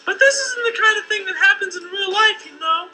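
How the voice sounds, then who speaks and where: A woman's voice: extremely high pitch, lively intonation, fairly quick, music in the background, rough recording. An actress voicing a skeptical young woman in a game who teases a caller warning her of danger.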